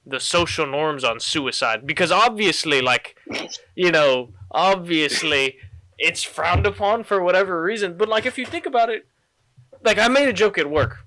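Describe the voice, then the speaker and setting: A young man hosting a casual chat, joking and laughing often, his voice jumping higher when he gets indignant. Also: moderate pace, dry recording. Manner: animated, gets loud and high when indignant. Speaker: podcast host.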